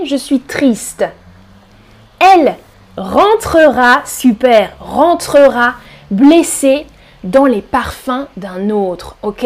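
A woman teaching French on a live stream, explaining slowly and clearly and now and then singing lines of a song. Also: sits high, a little mellow. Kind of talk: live-streamed language lesson.

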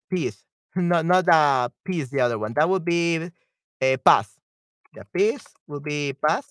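A man hosting a live-stream language lesson, cheerful and quick to laugh, repeating phrases slowly and switching between two languages. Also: on the high side, a bit bright, no room sound, studio quality.

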